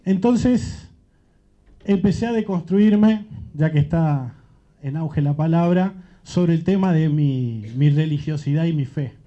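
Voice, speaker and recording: A man from Central America addresses a panel, reflecting aloud with an earnest, searching manner. His voice sits somewhat high yet sounds very dark and mellow. The recording is dull and muffled, like a lo-fi capture of a live event. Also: unhurried.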